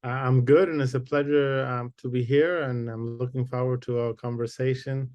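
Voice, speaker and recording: Male professor from the Dominican Republic, native Spanish speaker, halting and thoughtful, dry close sound. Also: medium pitch, level tone, a little mellow, dry recording, highs cut off. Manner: thoughtful, halting, many fillers and restarts. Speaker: guest, literature professor. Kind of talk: interview conversation.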